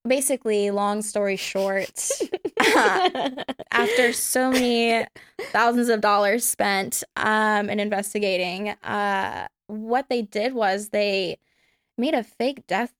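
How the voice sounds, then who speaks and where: A young woman chatting candidly as a podcast guest, laughing often and filling pauses with ums. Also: medium pitch, clean tone, no echo, clean studio sound. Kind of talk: casual chat.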